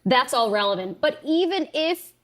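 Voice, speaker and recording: Emphatic woman panelist, higher voice. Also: very animated, moderate pace, a bit bright. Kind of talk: heated panel debate.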